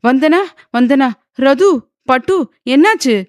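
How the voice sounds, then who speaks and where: A doting middle-aged father, voiced by a woman narrator, cries out anxiously for his daughter in a raised, pleading voice that sits higher than the narration. The recording is dry and close. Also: slow, no room sound. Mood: panicked.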